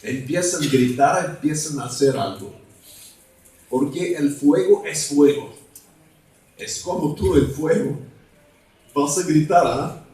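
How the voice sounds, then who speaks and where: Male evangelist, slow halting sermon, fairly high voice, distant mic in a booming hall. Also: mellow. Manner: slow, halting, asks congregation for words. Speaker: evangelist preacher. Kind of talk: deliverance sermon.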